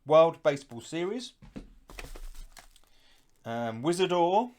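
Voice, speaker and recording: A middle-aged man running a retro gaming unboxing channel speaks slowly in a fairly high, darkish voice, very animated in delivery. His commentary is relaxed and unscripted. He mulls things over aloud while handling the items.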